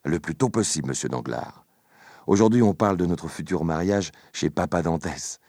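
Earnest young sailor in love, deep and close, read by a man. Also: normal speed, darkish tone, no room sound. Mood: happy. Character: happy, open-hearted young sailor in love.

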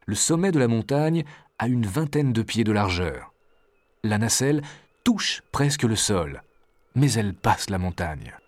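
A man narrating a storybook adventure in a measured, expressive reading. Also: lowish voice, no room sound.

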